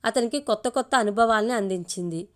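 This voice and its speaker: Woman storyteller, fairly high voice, steady audio-story narration. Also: brisk.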